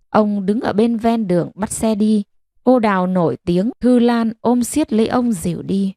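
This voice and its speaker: A woman calmly reading a long bedtime story aloud as narrator. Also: medium pitch, no room sound, clean studio sound. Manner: calm, even storytelling.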